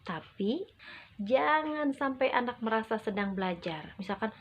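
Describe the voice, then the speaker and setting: A woman gives instructional talk to parents as an early childhood educator, over-enunciating with deliberate, emphatic phrasing and short pauses. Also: a little high, animated, slight background noise. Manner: acts out parent and child quotes. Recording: muffled, dull lo-fi audio.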